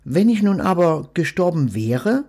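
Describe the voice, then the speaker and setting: Death from a storybook, a calm and gentle male companion, as a man reading aloud puts him on. His voice is husky and dry-witted. He speaks slowly and never hurries. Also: on the high side, voice pushed up, heavily acted.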